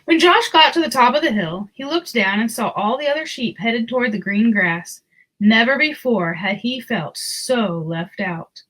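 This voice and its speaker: The audio quality is poor as a woman with a fairly high voice narrates a children's storybook, deliberate and expressive in her storytelling.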